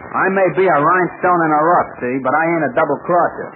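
A man acts out a tough American crook with a highish voice in an old radio serial. He is slangy, boastful and bossy. The recording is thin and tinny, with clear noise. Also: fast, natural voice. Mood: fed up. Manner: slangy, boastful, bullying wise guy. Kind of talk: 1940s radio acting.

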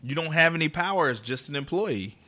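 Male podcast co-host, bright voice, opinionated, rambles and curses. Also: a little high, animated, a little fast. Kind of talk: casual chat.

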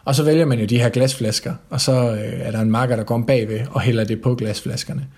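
A man's voice: medium pitch, steady tone, a little mellow, slightly rough. A man casually recounting a story about his father, hesitant with many fillers.

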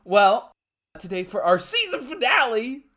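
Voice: medium pitch, big pitch swings, measured pace, noisy background. A podcast host in casual chat, rambling and self-mocking, laughing often.

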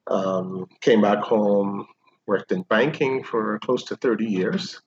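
A Bahamian man in his fifties, a real estate agent answering interview questions in a measured, explanatory way with frequent ums. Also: on the low side, highs cut off, a little hiss or hum. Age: 50s. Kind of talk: remote interview.

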